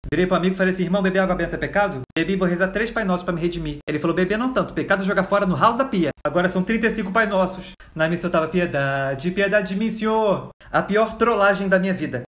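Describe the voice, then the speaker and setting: A man's voice: sits high, racing, few pauses, roomy sound. A man, telling funny stories and acting out the voices of the people in them. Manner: animated, acts out the voices of people in his stories. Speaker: comedian storyteller. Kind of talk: comic storytelling.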